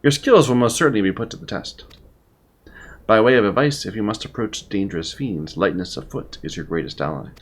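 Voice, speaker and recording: A man's voice: lowish voice, animated, brisk, breathy edge. A man doing a stern formal trainer. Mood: instructive.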